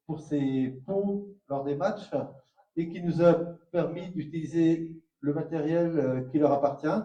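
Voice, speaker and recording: A man thanks institutions at a public event, stumbling and repeating himself. His voice is very dark and mellow, a touch high. The sound is dull and picked up from far off in an echoey hall. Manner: halting, repeats words. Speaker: co-president of the tournament. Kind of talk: thank-you speech.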